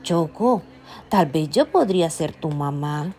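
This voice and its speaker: A woman voicing a kind, motherly female bear in a slow, low, soothing voice in a storybook reading. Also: lively intonation, mellow, a little hiss or hum, exaggerated voice. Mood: gentle.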